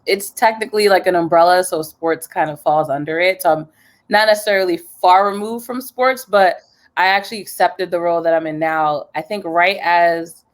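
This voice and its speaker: A young woman from New Jersey, a journalist, talking in an upbeat, chatty way and laughing often as a guest on a video call interview. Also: lowish voice. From New Jersey, USA.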